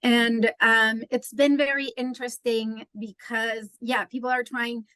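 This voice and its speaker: A woman's voice: on the high side, level tone, unhurried, pushed and bright, no room sound. A woman from Mexico, an assistant professor asking a chatty question at a talk. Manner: chatty, thinking aloud.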